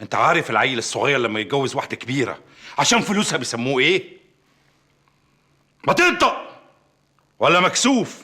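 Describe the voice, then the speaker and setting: A man's voice: medium pitch, expressive, very fast, pushed and bright. An older man with an Egyptian accent playing a stern, hot-tempered eldest brother in a TV drama, scolding angrily. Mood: furious. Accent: Egyptian Arabic. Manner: scolding, furious outbursts. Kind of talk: TV drama acting. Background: music score.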